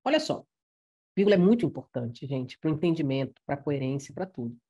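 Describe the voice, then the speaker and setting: Husky, slightly hoarse woman teacher. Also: low voice, sing-song, a little fast, mellow, highs cut off. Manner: playful, chatty, teasing asides. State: coughing, a bit hoarse. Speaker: Portuguese writing teacher. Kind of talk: casual, humorous grammar lesson.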